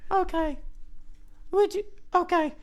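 A man playing a goofy young male burger-joint worker, in an improvised comedy sketch, with a high squeaky put-on voice and a bubbly, flustered manner. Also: fairly even intonation, slow pace. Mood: chatty.

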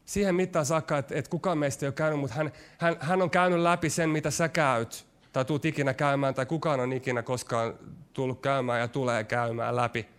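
A man preaching a sermon, his delivery shifting between quick, pressing stretches and slow, hushed lines. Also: mid-range voice, steady tone. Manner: varied delivery, rushing ahead then dropping to slow, hushed lines.

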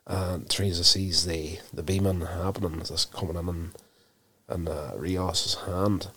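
A man casually recapping a TV episode, telling it in an unhurried, self-correcting way. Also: low voice, level tone, a bit bright, a little hiss or hum.

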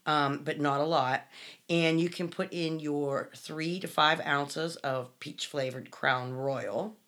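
A woman with a low voice co-hosts a podcast, talking in an easy, chatty way. She fills her pauses with ums and often restarts her sentences. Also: fairly even intonation, fairly bright tone. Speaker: podcast co-host. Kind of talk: casual chat.

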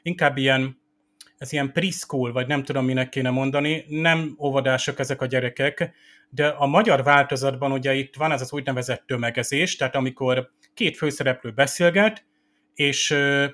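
Man, podcast host, solo commentary, bright tone, hesitant, filler sounds. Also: mid-range voice, fairly even intonation.

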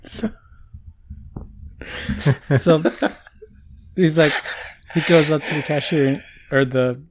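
A man telling a joke casually among friends in a halting, meandering way. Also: fairly high pitch, fairly even intonation, a little hiss or hum.

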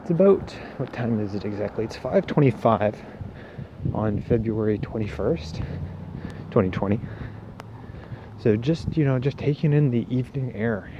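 A man's voice: mid-range voice, expressive, normal speed, long pauses. A man in a casual, hesitant, meandering walk-and-talk monologue, laid-back, with slightly muffled, swollen-cheeked speech after wisdom teeth removal. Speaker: solo podcast host. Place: outdoors walking on a residential street. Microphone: handheld phone. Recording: noisy outdoor phone recording, wind, passing cars.

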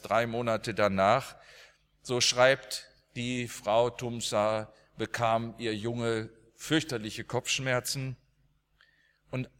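Slow, bright-voiced male preacher. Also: medium pitch. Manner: dramatic storytelling with emphatic swings. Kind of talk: sermon. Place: church. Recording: long church reverb.

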